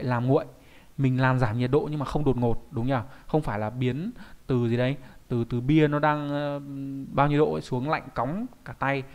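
A man's voice: medium pitch, darkish tone. A man teaching a recorded online lesson, explaining step by step and often adding little checking questions.

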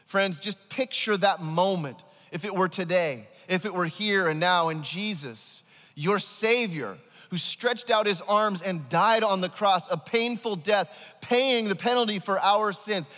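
A man's voice: high-pitched, unhurried, a bit bright. A man in his thirties preaching an emphatic sermon from a large church stage on a headset mic. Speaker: pastor. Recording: long reverb of a large hall.

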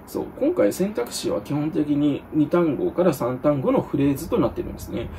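A male tutor casually explaining exam grammar answers to students, with joking asides, reading English examples slowly and carefully. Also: on the high side, sing-song, dark tone, slight background noise.

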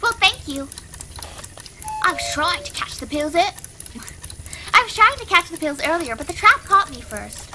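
A woman's voice: very high voice, sing-song, normal speed, long pauses, noisy background. A woman voicing a polite, curious and wary little girl in a video game read-aloud. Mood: polite, eager.

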